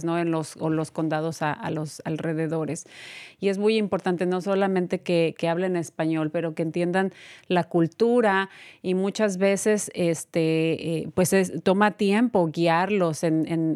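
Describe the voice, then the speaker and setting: Host woman, lowish dry voice, rambling questions full of fillers. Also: a little mellow, no room sound. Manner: hesitant, many fillers and tag questions. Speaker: talk show host. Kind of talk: live interview.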